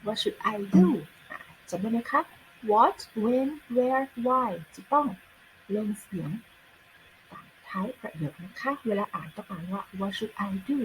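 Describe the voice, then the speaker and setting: A woman English teacher, explaining a song translation and reading English lines slowly and deliberately. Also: fairly high pitch, expressive, fairly bright tone, slight background noise, poor audio. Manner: slow deliberate English, sings Thai lyrics in between.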